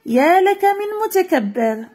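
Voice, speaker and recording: A woman's voice: very high-pitched, expressive, normal speed, dark tone, pitched above the performer's own voice. A woman reading a children's story aloud, voicing a female wind that keeps inviting others to travel with her. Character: restless female wind looking for a companion.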